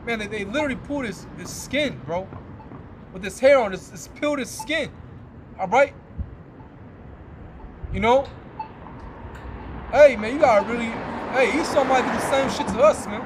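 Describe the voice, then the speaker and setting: A man with a high voice reads scripture slowly and aloud, then breaks into slangy preaching that keeps landing on "man." He is outdoors by a road, and loud traffic and car sounds run behind him. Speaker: street preacher. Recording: loud street and car noise.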